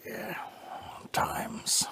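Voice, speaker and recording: A man playing a salty old fisherman in a soft-spoken ASMR roleplay, telling sea tales to kids in a breathy, rambling half-whisper with folksy gruffness. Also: very slow. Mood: wistful.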